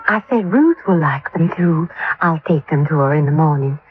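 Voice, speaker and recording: On a tinny, band-limited vintage radio recording with faint music, an actress with a deep, animated voice at normal speed performs in a 1950s radio drama. She plays a genteel, middle-aged grieving mother who is a dotty believer in spiritualism, sounding wistful, earnest, proper, and slightly scatterbrained.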